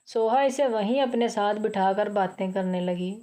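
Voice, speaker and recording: Mellow-voiced woman reading a romance novel. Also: mid-range voice, a little slow. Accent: Urdu-inflected Hindustani. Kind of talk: scripted novel narration.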